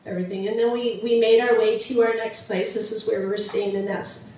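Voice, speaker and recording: A woman's voice: medium pitch, steady tone, fairly quick, darkish tone, a little hiss or hum. A woman giving a casual, enthusiastic slideshow talk, with many ums and restarts. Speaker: presenter of a travel slideshow. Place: museum presentation room. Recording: far-off mic in a very echoey room.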